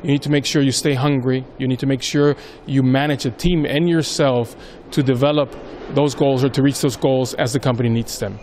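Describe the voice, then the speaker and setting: A Honduran man in his thirties, a native Spanish speaker with American-schooled English, works as a strategy manager at a postal company and answers interview questions conversationally with frequent fillers. His medium-pitched voice is brisk, a little mellow and fairly even, with slight hiss or hum.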